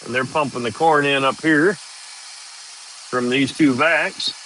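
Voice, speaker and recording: A man's voice: mid-range voice, a little slow, bright, forceful tone, slight background noise, low-quality recording. A man, chatting casually and rambling on a live stream from a tractor cab, laughing easily. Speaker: farm worker livestreaming.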